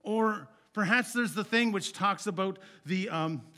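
A male pastor preaching a sermon in an earnest, conversational way, swinging from loud emphatic peaks to quiet, low phrase endings. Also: unhurried.

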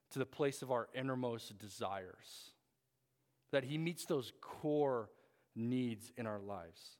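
A young man preaching a sermon, telling a story with frequent fillers and restarts. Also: medium pitch. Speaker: pastor. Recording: long hall reverb.

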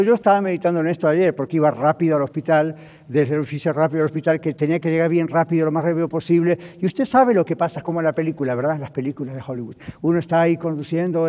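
A male pastor preaching an animated sermon, slipping English phrases into his Spanish and acting out little dialogues. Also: fairly high pitch, long reverb tail.

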